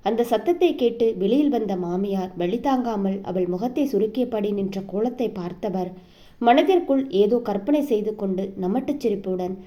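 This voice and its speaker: A woman reads a romance novel aloud in steady storytelling narration. Her voice is dark and mellow throughout. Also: medium pitch, moderate pace.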